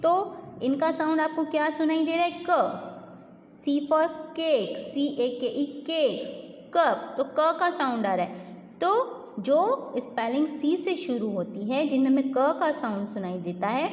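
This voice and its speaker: A woman teaching a phonics lesson to young children in a classroom, slowly repeating each sound and answering her own questions. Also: high voice, expressive. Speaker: kindergarten teacher. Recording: echoey room with long reverb.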